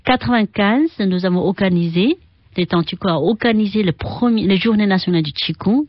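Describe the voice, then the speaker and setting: A middle-aged woman from China, with a Chinese accent, speaking as an interview guest who often pauses and searches for words. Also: mid-range voice, no room sound, highs cut off. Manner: halting, searching for words with many fillers. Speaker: guest, Qigong and Tai Chi teacher. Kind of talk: radio interview.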